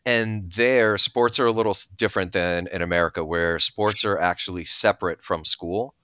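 A man's voice: low voice, moderate pace, sharp tone, smooth, no room sound, studio quality. A man in his thirties, originally from Bulgaria, talking candidly as an interview guest. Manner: thoughtful, candid, many fillers. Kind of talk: casual interview talk.

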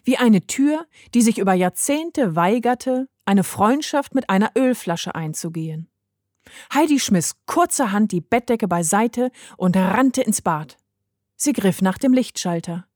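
A woman narrating a children's story in an expressive storybook reading. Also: medium pitch, a little slow, no room sound, studio quality.

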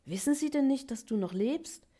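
Woman doing a high eager animal cub. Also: measured pace, warm tone, natural voice. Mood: urgent. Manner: eager, pleading, stammering. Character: anxious young male wild animal cub.

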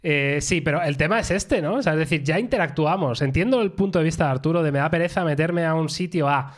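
A man's voice: fairly high pitch, fast. A man with an accent from Spain hosting a casual tech podcast, colloquial and playful, talking straight to listeners. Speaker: podcast host.

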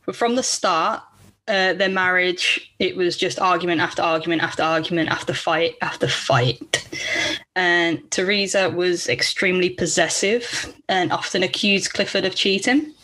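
A woman's voice: lowish voice, normal speed, sharp tone. A woman hosting a true-crime podcast, telling the case in a casual, blunt way and swearing freely. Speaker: podcast host.

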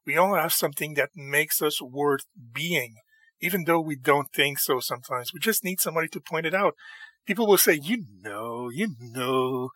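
A man's voice: on the high side, pushed and bright, no room sound. A middle-aged man from Montreal, Canada, hosting his own podcast in a casual, earnest monologue. He has a slight lisp from new dentures, and he often corrects himself and laughs at his own slips. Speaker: podcast host.

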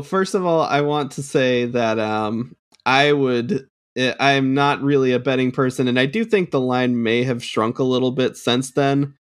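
Slow, hesitant man chatting football. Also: medium pitch, a bit bright. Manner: hesitant, many fillers and restarts, laughs at own jokes. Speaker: podcast co-host. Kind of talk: casual sports chat.

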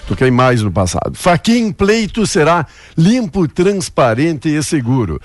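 A man's voice: a little high, sing-song, measured pace. A man presenting radio news, moving between headline reading and casual banter.

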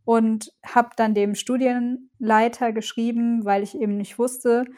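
A young woman, a student, calmly explaining her view in a casual conversation. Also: a little high, a little slow. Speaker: student, podcast co-host.

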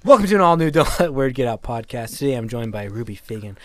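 A man's voice: medium pitch, very animated, quick pace, loud music behind the voice. A young man hosting a casual podcast, joking and rambling with frequent laughs. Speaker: podcast host.

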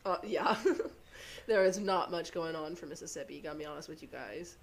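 A woman with a hoarse, congested rasp, co-hosting casually as a giggly, rambling storyteller. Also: low voice, moderate pace. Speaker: podcast co-host. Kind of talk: casual chatty banter.

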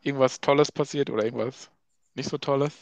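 A young man hosting a casual podcast chat, asking relaxed questions with many fillers. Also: medium pitch, fast, creaky, no room sound. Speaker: podcast host.

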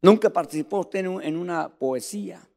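A man's voice: high voice, moderate pace, dark tone, in a large hall. A man preaching a sermon in a fervent, emphatic way, speaking straight to the congregation.

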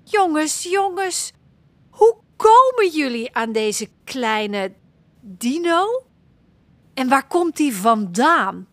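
A woman voicing a caring, practical mother in a children's audio story, calm and reassuring. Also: high-pitched, very slow, long pauses, no echo, full character voice.

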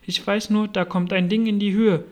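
A man's voice: high-pitched, flat delivery, moderate pace, lightly acted. A man voicing a small, dazed male lizard in a storybook, weak and breathless.

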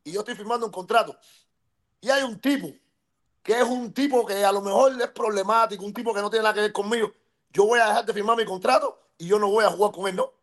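A man's voice: high voice, fast talker. A man with a Cuban accent speaking as a podcast guest, passionate and emphatic, who keeps checking that he is understood and pushes on to hold the floor. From Cuba. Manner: insistent, interrupts to hold the floor. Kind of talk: heated podcast talk.

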